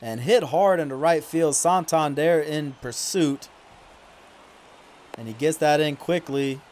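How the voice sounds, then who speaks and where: A man's voice: a little high, unhurried, slight background noise. Man commentating his video game playthrough. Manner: relaxed commentary, flaring into loud indignant complaints at calls. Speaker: gaming YouTuber. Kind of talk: casual play-by-play commentary over a video game.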